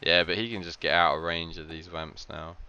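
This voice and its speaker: A man's voice: sits low, fairly even intonation, a little fast, bright, forceful tone, smooth, dull audio. A man giving casual commentary on a game match, rambling with lots of filler words and frequent laughs.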